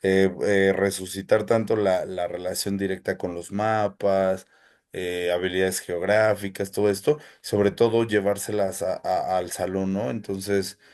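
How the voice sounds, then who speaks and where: Man, teacher, hesitant, lots of fillers, low pitch. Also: level tone, darkish tone. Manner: measured, hesitant, many fillers and tag questions. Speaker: teacher, guest. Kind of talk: casual interview answers.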